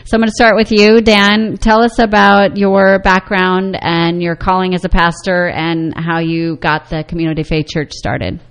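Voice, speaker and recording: Low-voiced, smooth woman talk-show host. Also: moderate pace, hardly any pauses. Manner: chatty, relaxed, with fillers. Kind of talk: casual talk show hosting. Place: radio studio.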